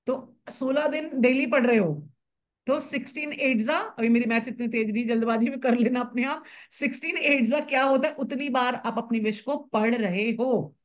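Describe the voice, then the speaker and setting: Woman, high voice, brisk repetitive class talk, dull call audio. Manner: brisk, repetitive, conversational explaining. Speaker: spiritual manifestation teacher. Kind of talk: live online class talk.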